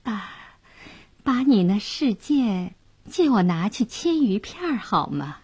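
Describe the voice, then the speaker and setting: A cunning young fisherwoman who wheedles in a soft, sugary, coaxing voice, lower and quieter than the telling around her, as a woman storyteller puts her on. The tone is husky and unhurried. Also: sing-song, full character voice. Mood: coaxing, coy. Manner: sweet, coaxing, soft-spoken.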